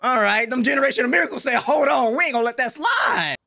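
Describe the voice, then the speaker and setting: A very high, gravelly voice, pushed and bright, races along with lively intonation as this young adult anime reaction host blurts casual, slangy reactions. He records from a small bedroom streaming setup, close to a desk microphone in front of him.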